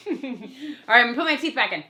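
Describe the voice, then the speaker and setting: A woman's voice: fairly high pitch, animated, brisk, bright, forceful tone. Upbeat woman leading a class chant. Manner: upbeat, playful, coaxing children to chant along. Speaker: homeschool co-op teacher.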